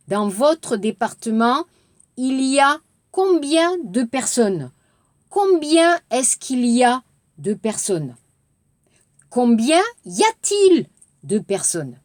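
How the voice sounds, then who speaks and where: Female language teacher, higher voice, measured and deliberate delivery. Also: no room sound, studio quality. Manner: slow, clearly articulated, switching between French and Korean. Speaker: French teacher. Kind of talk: classroom lesson.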